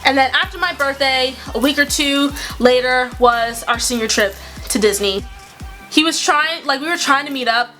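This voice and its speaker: A young woman chatting casually, telling a storytime tale with quick asides and frequent laughs. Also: high voice, bright, forceful tone, faint music behind. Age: young adult. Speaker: YouTuber.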